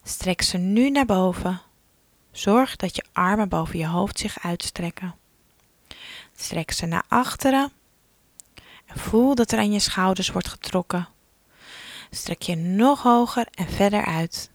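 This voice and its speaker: A woman talks through a relaxation exercise at a very unhurried pace, calm and gentle. She often sinks into a soft whisper. The sound is close and dry, with no room around it. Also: medium pitch, no room sound. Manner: slow, soothing instructions, often dropping to a soft whisper. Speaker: relaxation guide for children.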